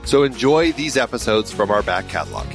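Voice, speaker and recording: A man's voice: medium pitch, lively intonation, fairly quick. A man reading scripted narration as a podcast host. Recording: faint music bed.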